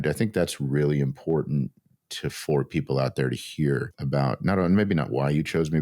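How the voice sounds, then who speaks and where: A man's voice: a bass voice, a little mellow, no echo. A middle-aged man from the American Southwest co-hosting a casual talk show with his wife, speaking in a reflective, thoughtful way. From West Texas and New Mexico. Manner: reflective, slow and thoughtful, with restarts. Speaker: podcast co-host.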